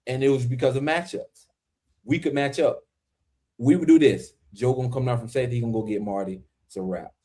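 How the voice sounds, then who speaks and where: A man in his forties, a former football player and podcast co-host, telling stories in animated casual chat with emphatic outbursts. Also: medium pitch, a little fast.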